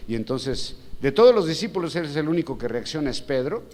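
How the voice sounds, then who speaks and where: A man's voice: a little high, big pitch swings, fairly quick, a little mellow. A pastor, giving a conversational sermon and asking his congregation many rhetorical questions. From Mexico. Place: church hall. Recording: long church-hall reverb, faint background hum.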